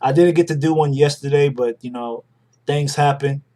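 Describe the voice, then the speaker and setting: A man's voice: fairly high pitch, steady tone, normal speed, mellow. A young adult man hosting a live stream, talking casually through charts and greeting viewers by name. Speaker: livestream host.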